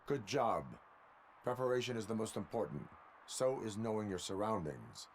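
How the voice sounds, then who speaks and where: Deep, steady-voiced cyborg cop. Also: male voice, slight background noise. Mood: steady, instructive. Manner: formal, deliberate, steady and unshaking instruction. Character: stoic cyborg police officer, male, formal field trainer. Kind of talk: video game dialogue.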